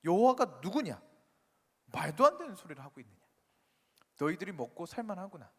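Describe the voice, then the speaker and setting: A man's voice: on the high side, lively intonation, normal speed, a bit bright. A man voicing an arrogant king who mocks and gives harsh orders. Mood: scornful. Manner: mocking, commanding. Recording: echoey church hall.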